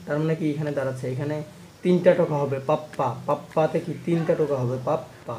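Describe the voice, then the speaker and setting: A man's voice: fairly high pitch, quick pace, mellow, slight background noise. A man teaching ukulele, explaining a strumming rhythm step by step and chanting its beat syllables aloud as he plays. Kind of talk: instructional lesson. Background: plucked ukulele playing.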